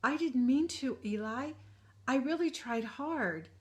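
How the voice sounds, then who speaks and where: A woman voicing a small, anxious wooden boy puppet in a children's storybook. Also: unhurried. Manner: anxious, pleading, high.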